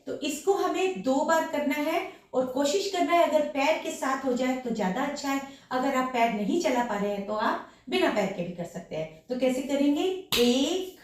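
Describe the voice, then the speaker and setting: A woman with a slightly hoarse voice from a sore throat leads a dance lesson, counting beats aloud as she shows each step. Her voice sits a bit high and reaches the mic from across a very echoey room. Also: animated, moderate pace, few pauses, far from the mic. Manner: counts beats aloud while demonstrating moves. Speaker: dance teacher.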